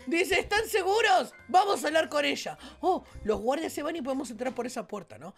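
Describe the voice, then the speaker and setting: Excitable high-voiced Rioplatense woman gamer. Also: a little fast, faint music behind. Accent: Rioplatense Spanish. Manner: excitable, playful, exclamatory. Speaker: gaming channel host. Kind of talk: Let's Play commentary.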